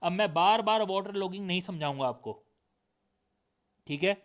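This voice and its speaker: A man giving a recorded lecture with a sore throat, checking with students through repeated questions and reading definitions aloud slowly. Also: high-pitched. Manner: drills points with repeated questions. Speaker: teacher.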